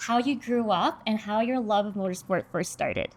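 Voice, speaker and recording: A woman's voice: medium pitch, moderate pace. A woman hosting a casual interview, asking friendly questions and paying compliments. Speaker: interview host. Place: clothing store.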